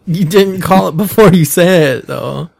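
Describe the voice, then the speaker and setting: Man, podcast host, casual chat, teasing, raspy fry, dead dry room. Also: sits high, unhurried, a little mellow, no room sound. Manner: teasing, steers the topic.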